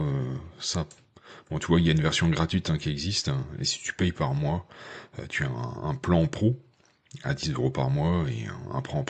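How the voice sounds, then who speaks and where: A man with a very deep, breathy-edged voice hosts a tech channel, guiding the viewer through a casual screen-share tutorial. He talks informally and chattily, hesitating often and using lots of fillers.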